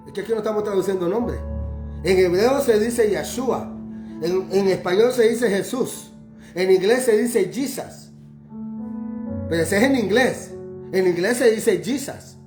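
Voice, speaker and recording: A man's voice: high-pitched, darkish tone. A man from Honduras, preaching a sermon in a fervent, repetitive cadence. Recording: roomy echo with faint music behind.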